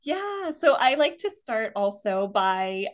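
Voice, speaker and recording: A woman's voice: a little high, sing-song, slow pace. A woman hosting a podcast interview, casual and effusive, encouraging her guest. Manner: effusive, encouraging, gushing praise. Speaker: podcast host.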